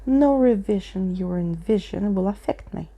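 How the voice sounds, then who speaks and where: A woman's voice: medium pitch, expressive, moderate pace, warm tone. A woman voicing a pompous, wordy old male skeleton in a storybook reading, with grandiose, theatrical speech. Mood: indignant, boastful.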